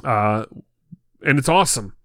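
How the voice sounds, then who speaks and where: A young adult man in a casual film chat, telling scenes with excitement and swearing freely. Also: mid-range voice, a little slow, no room sound, clean studio sound. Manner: enthusiastic storyteller who swears and acts out scenes.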